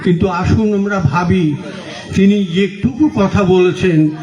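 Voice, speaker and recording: A man with a Bengali accent giving a sermon as a monk, asking the audience questions and answering them himself, telling stories with gentle humor. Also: high-pitched, steady tone. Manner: unhurried storytelling with gentle humor. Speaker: monk giving a religious talk. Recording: echoey, dull lo-fi recording.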